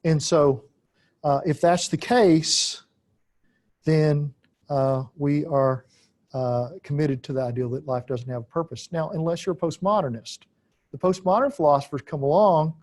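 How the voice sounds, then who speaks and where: Speaking in a medium, slightly mellow voice, a man gives an unscripted philosophy lecture. His delivery is deliberate and halting, full of "uh" fillers, and he repeats key phrases for emphasis.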